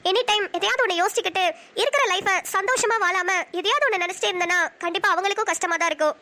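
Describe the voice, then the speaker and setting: A woman voicing a teasing, emotional young wife in a cartoon, quick and sarcastic. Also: very high-pitched, pushed and bright, exaggerated voice. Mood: earnest, persuading. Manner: sarcastic, quick, prone to sobbing. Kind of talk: cartoon voice acting.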